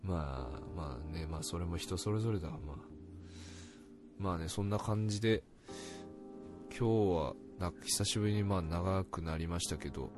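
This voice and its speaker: A man's voice: low voice, moderate pace, music in the background. A man co-hosting a podcast, talking loosely with lots of fillers and frequent laughter. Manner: lively, laughs often, loose filler-heavy talk. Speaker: podcast co-host. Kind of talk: casual chat.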